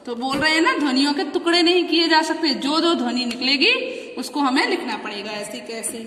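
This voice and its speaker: A woman's voice: high-pitched, a little fast, pushed and bright. A woman teaching a grammar class, asking questions and answering them herself, repeating sounds syllable by syllable. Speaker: school teacher. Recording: echoey room, voice from far off.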